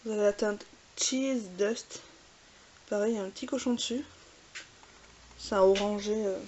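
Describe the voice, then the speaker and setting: Showing off makeup swatches, a French-accented woman who works as a beauty vlogger talks casually and fills her speech with fillers. She has a medium-pitched, darkish voice at normal speed, and a faint hiss runs under the recording.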